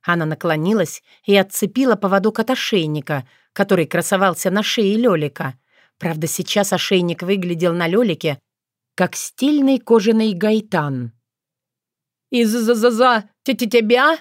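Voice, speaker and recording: A woman narrating a fantasy story aloud in a measured, expressive reading. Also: on the low side, dry recording, clean studio sound. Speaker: audiobook narrator. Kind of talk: scripted narration.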